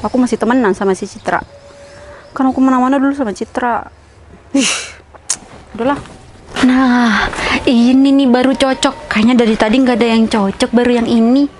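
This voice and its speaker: A woman's voice: fairly high pitch, fairly even intonation, moderate pace, long pauses, darkish tone, a little hiss or hum, close to an everyday voice. A woman playing a chatty, bossy young woman hunting for a house, talking to herself and nagging on the phone, in an amateur skit.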